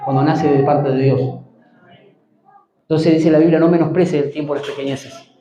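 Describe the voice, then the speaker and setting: Pastor, male, high mellow voice, call-and-response sermon, echoey church hall. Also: steady tone, moderate pace, highs cut off, slight background noise. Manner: preaching with call-and-response prompts to the congregation.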